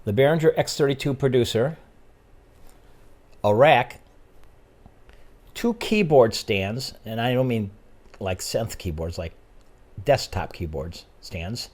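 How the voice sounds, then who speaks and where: A man's voice: mid-range voice, lively intonation, takes it slowly, pauses often, a little mellow. A middle-aged man hosting a podcast, chatting casually and rambling with frequent laughs. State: out of breath. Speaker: podcast host. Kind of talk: casual chat.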